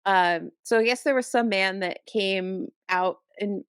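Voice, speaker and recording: A woman co-hosting a podcast in casual chat, ranting in an animated, exasperated way with many restarts, close to her microphone. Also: mid-range voice, unhurried, clear, resonant tone, dry recording. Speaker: podcast co-host. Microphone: close podcast mic.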